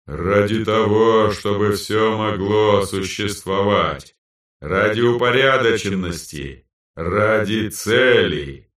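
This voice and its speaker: A man doing the ancestral spirits inside a possessed body in an audiobook, a cold, lifeless and colorless voice with an eerie echo, like a demonic double voice. It speaks very slowly and solemnly and sits low. It sounds distant and roomy. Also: fairly bright tone. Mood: cold, detached. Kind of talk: audiobook character voice.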